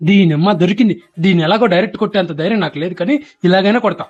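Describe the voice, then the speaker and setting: Woman doing a prankster bearded young guy, teasing, talks fast, music playing behind. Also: medium pitch, lo-fi sound, natural voice. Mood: mischievous. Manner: teasing, mischievous. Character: bearded young male cousin, cheeky prankster.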